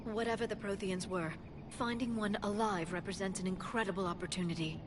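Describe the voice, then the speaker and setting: An actress voicing an earnest young female alien scientist who talks in a thoughtful, careful way, in game audio with clear noise behind. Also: medium pitch, steady tone, fairly quick, close to an everyday voice.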